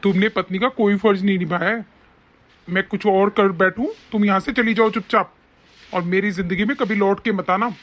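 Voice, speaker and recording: In an animated family drama, a voice actor plays a young husband who stands up for his family. The voice is mid-pitched, bright and forceful, stern and indignant when he gives orders. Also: moderate pace, lightly acted. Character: angry young husband and son. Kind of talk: animated story voice acting.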